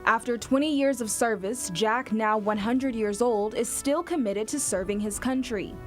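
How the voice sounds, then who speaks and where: A woman's voice: fairly high pitch, normal speed, soft background music. An American woman narrating a scripted television news report as a reporter.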